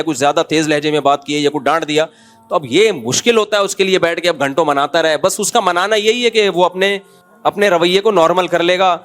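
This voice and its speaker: A man giving an informal, scolding religious lecture, often mimicking others in sudden high-pitched quotes. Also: fairly bright tone. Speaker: Islamic scholar giving a sermon.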